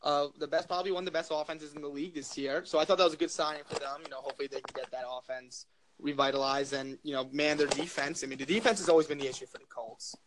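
A man's voice: a little high, fairly even intonation, fast talker, background noise. Chatty young man hosting a sports podcast. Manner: leads questions, rambling with many fillers. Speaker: podcast host. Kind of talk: casual sports chat.

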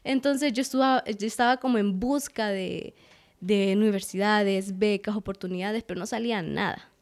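A woman's voice: mid-range voice, moderate pace. A young adult woman, a guest artist, telling her story in a casual interview and acting out her past words. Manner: animated, acts out her own past words.

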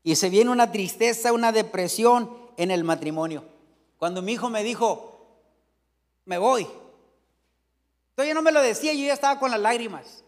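A man's voice: very high voice, animated, a little fast, in a large hall. A middle-aged man preaching a sermon in a folksy, joking way, calling out to the congregation again and again.

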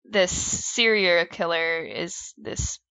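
A woman's voice: on the low side, takes it slowly, pushed and bright, smooth, dry recording, low-quality recording. A woman co-hosting a casual podcast, rambling through a movie recap with lots of fillers, and sounding sick. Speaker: podcast co-host. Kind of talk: casual chat.

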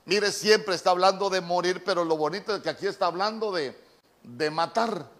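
A male pastor preaching a sermon, slow and deliberate, repeating key words as he teaches from the Bible. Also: high voice, fairly bright tone. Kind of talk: sermon with Bible word study.

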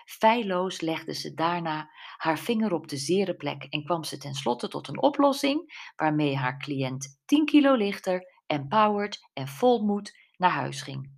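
A woman reading a mystery audiobook in a calm, measured way. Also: lowish voice, vocal fry. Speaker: audiobook narrator. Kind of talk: scripted audiobook narration.

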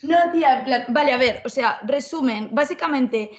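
A woman's voice: sits high, normal speed, highs cut off. A young woman, co-hosting a casual podcast over a video call, chatty and slangy. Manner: chatty, slangy, fillers like "en plan" and "tía". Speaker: podcast co-host.

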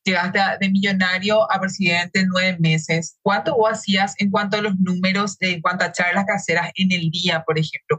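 Bright, halting mentee, restarts questions mid-sentence. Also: mid-range voice, poor audio.

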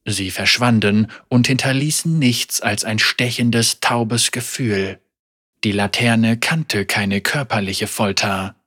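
A man narrating a dark fantasy story in a measured, dramatic way. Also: on the low side, breathy edge. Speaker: audiobook narrator.

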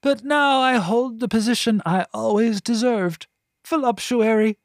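A narrator voicing a pompous, bitter middle-aged woman high priestess who talks in a haughty, drawn-out sneer. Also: no echo, studio quality, close to an everyday voice. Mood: scornful.

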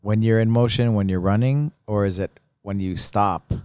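Deep flat-voiced man, rambling casual host, dry close sound. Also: smooth, no echo. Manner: rambling, halting, full of "you know" and "like". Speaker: podcast host. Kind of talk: casual podcast interview.

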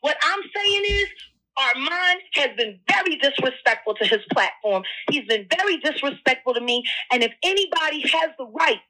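A woman's voice: high-pitched, lively intonation, normal speed, bright, forceful tone. A woman caller heard over a phone line, talking bluntly and profanely and repeating herself for emphasis in a heated conversation. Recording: phone call audio.

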